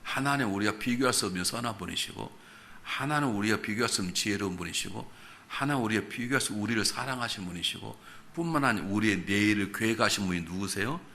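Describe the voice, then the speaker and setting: A man's voice: on the low side, animated, quick pace, bright, forceful tone, a little hiss or hum. A man preaching a revival sermon as a pastor, speaking directly to the congregation with rhetorical questions and emphatic, acted-out exchanges. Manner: emphatic, acts out conversations with congregants. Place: church revival meeting.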